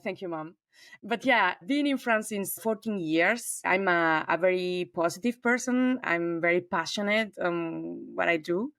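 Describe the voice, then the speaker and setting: A woman's voice: fairly low pitch, unhurried, dry recording, studio quality. A woman in her forties from southern Spain with a Spanish accent, a talkative podcast guest chatting over a remote call. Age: 40s. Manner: talkative, warm and expansive, frequent fillers. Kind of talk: conversational interview.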